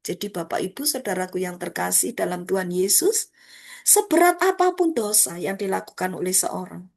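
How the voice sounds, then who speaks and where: A woman evangelist preaching a sermon over a video call, telling a story with animated voices for its characters. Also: fairly low pitch, normal speed, gravelly.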